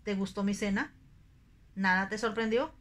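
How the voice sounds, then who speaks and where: A stern, aloof nobleman who gives short, commanding orders, read by a woman. The delivery stays soft and measured, in the way of an ASMR audiobook. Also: high voice, fairly even intonation. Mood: curt.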